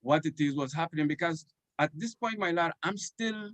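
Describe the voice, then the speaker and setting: A man's voice: fairly high pitch, lively intonation, moderate pace, a bit bright, no room sound. A man, a guest speaking in devotional Rastafarian phrasing with respectful forms of address. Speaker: interview guest. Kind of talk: conversational storytelling and letter reading in Rastafarian speech.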